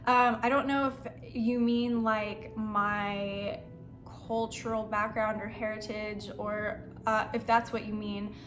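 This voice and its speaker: A woman's voice: medium pitch, level tone, takes it slowly, over music. A young American woman, a worship pastor and singer, answering questions in a casual vlog with a rambling, chatty manner full of "like" and "um.". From United States.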